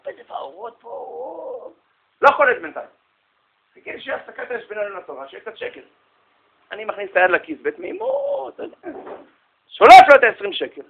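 A man giving a humorous storytelling talk, animated and jokey, speaking straight to his listeners. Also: high voice, long pauses, slightly rough. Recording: tinny phone-like sound.

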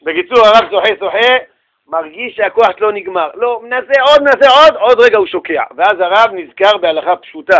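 A man's voice: high voice, expressive, fairly bright tone. A man giving a casual religious talk, telling a story in a chatty, slangy way, addressing listeners directly and acting out the voices in it.

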